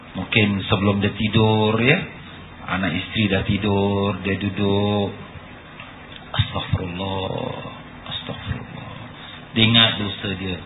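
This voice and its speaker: A man with a Malaysian Malay accent giving a religious lesson as a sermon, gentle, with many "ha" and "ya" fillers, sometimes dropping to a hushed, drawn-out voice. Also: mid-range voice, slight background noise. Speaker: religious teacher. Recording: tinny phone-like sound with faint ambience.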